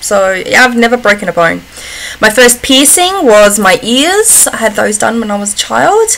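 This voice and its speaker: A woman's voice: a little high, sing-song, normal speed, fairly bright tone, a little hiss or hum, low-quality recording. An Australian woman chatting casually as she answers personal questions in a vlog, often breaking off and restarting in a giggly, informal way. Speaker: vlogger.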